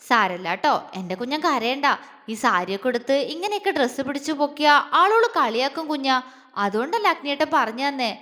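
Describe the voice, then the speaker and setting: A woman playing a teasing older husband, stern one moment and doting the next, in a bright high voice. The reading rings out with a long reverberant tail. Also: very animated, fairly quick. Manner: teasing, scolding, then coaxing.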